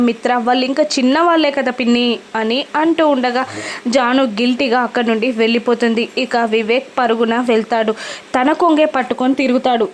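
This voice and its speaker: A woman's voice: high-pitched, slight background noise. A woman narrating a recap of a TV serial episode, telling it steadily and lifting her voice slightly for the quoted lines.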